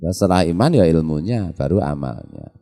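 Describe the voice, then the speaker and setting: A middle-aged kyai with a Javanese accent gives a folksy religious lecture to a pesantren study circle in the prayer hall of a traditional boarding school, the hall reverberant. His voice rumbles low and warm with vocal fry, swinging widely in pitch at a fairly quick pace, as he mixes Javanese into Indonesian and poses rhetorical questions to the audience.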